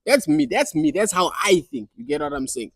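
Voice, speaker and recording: A young man telling a comic story in casual, halting chat, getting heated. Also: fairly high pitch, very animated, a bit bright, husky. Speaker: podcast guest and comedian.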